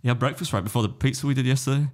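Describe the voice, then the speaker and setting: A man's voice: mid-range voice, rapid-fire, darkish tone. Bloke hosting a chatty podcast, ribbing his guest, mid voice. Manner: teasing, laughing, hesitant restarts. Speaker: podcast host. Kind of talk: casual podcast chat. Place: podcast studio.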